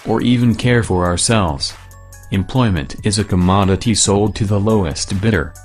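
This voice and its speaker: A man with a disguised deep voice reading a scripted political statement in a solemn, measured, declamatory way.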